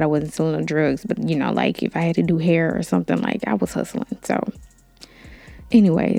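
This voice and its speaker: A young woman tells a personal story on her podcast, candid and animated. Her low voice has a gravelly edge and a mellow tone. The room sounds dry, with faint music underneath. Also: dry recording. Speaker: podcast host. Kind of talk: story time.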